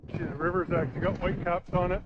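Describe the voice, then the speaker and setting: A man's voice: high-pitched, steady tone, fast talker, highs cut off. A man chatting casually to his vlog audience while out walking, talking into strong wind on a camera's built-in microphone. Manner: talking into strong wind, with throat-clearing and puffing. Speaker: vlogger testing camera microphones. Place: outdoors by a river in strong wind. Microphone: built-in action camera microphone.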